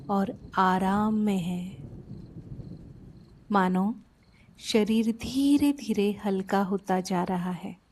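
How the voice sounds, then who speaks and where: Soft and soothing, a woman's mid-range voice walks the listener through a sleep meditation at an unhurried pace, pausing between short phrases.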